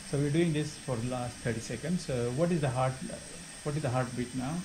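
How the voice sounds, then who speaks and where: A man runs a simulated newborn resuscitation. He counts chest compressions aloud in a steady rhythm and calls out each step. A loud hiss sits under his voice. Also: medium pitch, a little fast. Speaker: clinician leading a simulation.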